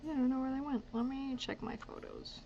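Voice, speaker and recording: A woman in her twenties, Dutch by first language, talks a little fast in a high, gravelly voice while painting on a live stream. She rambles and mutters asides throughout. The lo-fi stream audio is slightly dull, with background noise and faint ambience.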